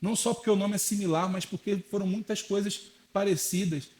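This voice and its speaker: A young man from Brazil preaches a sermon with a high-pitched voice. He talks to the congregation like a friend and briefly plays the people he quotes. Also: steady tone, a little fast, darkish tone. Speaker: pastor.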